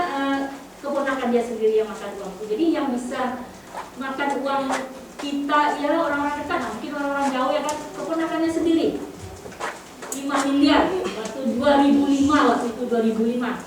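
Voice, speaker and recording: A middle-aged woman giving a sermon testimony, telling her story in a lively way and acting out the voices of the people in it. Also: high-pitched, fairly quick, noisy background. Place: church hall. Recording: echoey hall from far off.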